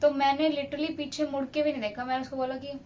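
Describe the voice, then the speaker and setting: A young woman, telling a casual storytime monologue in an animated, indignant way, with scolding asides to the viewer. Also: high-pitched, fast talker, a little hiss or hum. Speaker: storytelling vlogger.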